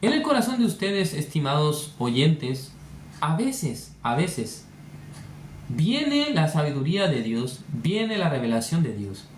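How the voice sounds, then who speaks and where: A man preaching a sermon in an animated way, often asking his listeners rhetorical questions. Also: on the high side, takes it slowly. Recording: roomy echo, faint hiss.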